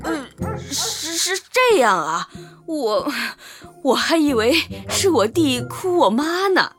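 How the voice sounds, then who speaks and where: A woman's voice: high voice, big pitch swings, slow, faint music behind, voice pushed down, exaggerated voice. A woman voicing a careless, flustered young mother in a children's storybook, full of exclamations and fretful sighs. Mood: puzzled.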